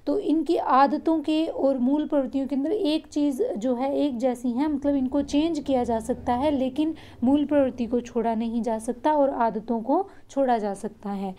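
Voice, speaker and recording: High-voiced woman teaching a lesson. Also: steady tone, normal speed, few pauses, mellow. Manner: explains each point again in simpler words, checks in often. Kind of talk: exam-prep lesson.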